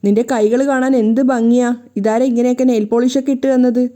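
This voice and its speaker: Woman playing a drunk sneering male villain, coaxing with a threatening edge, quick and mellow. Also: a little high, steady tone, natural voice. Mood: coaxing, menacing. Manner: sweet-talking with a sneering edge.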